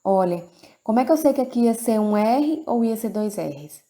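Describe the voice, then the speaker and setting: A woman with a Brazilian Portuguese accent teaching a grammar lesson to children, speaking slowly and repeating each example word. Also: a little high, expressive, dark tone. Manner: slow, deliberate, repeats words for the class.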